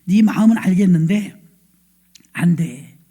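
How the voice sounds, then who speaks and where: A woman voicing a worried, gently firm king. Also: fairly low pitch, lively intonation, a little slow, slightly rough, pitched below the performer's own voice. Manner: soothing refusal.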